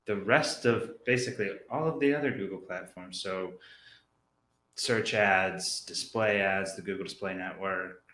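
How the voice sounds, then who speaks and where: A man talking casually as a podcast co-host, laying out a list with pauses and fillers. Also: deep voice, pushed and bright. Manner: laid-back, lists items with fillers. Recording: roomy office sound.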